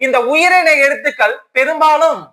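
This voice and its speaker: This grammar teacher, running an exam-prep lesson, has a very high, sharp, expressive voice. He repeats every key term twice slowly, as if dictating, and constantly asks "okay?" to confirm the class is keeping up.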